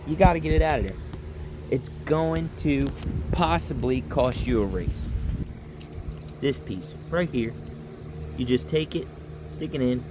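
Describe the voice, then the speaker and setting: Low-pitched-enough Baltimore man over noticeable background noise. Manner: plain-spoken, folksy, halting phrases. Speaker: instructor in a do-it-yourself tutorial. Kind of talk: casual hands-on how-to explanation. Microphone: handheld camera held while demonstrating.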